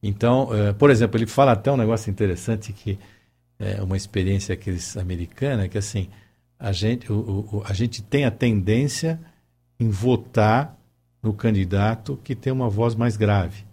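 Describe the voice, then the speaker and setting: Gravelly low-voiced man, hesitant. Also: moderate pace, warm tone. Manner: hesitant, many fillers and restarts. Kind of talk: casual conversation.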